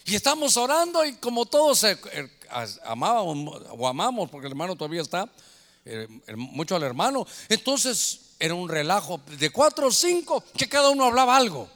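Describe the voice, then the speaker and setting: Lively, bright-voiced pastor preaching. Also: male voice, high-pitched, a little fast. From Guatemala. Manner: animated storytelling, acting out voices and shouts. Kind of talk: sermon. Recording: echoey hall reverb.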